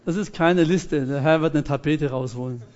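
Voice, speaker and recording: A man preaching a sermon, retelling a parable with lively storytelling, acting out its characters and speaking straight to his congregation. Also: on the high side, normal speed. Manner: addresses the congregation directly. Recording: reverberant hall, dull lo-fi sound.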